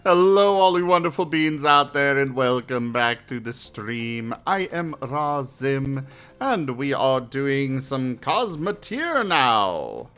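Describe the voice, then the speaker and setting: A man's voice: medium pitch, very animated, slow pace, fairly bright tone, clear, resonant tone. A man hosting a casual gaming livestream, talking upbeat and easygoing over headset audio. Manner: upbeat greetings, easygoing and chatty. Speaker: streamer host.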